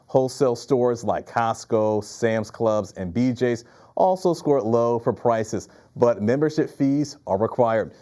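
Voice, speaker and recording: A male news anchor with an American accent delivers scripted copy in a mellow, soft-edged voice. His pitch sits in the middle range for a man.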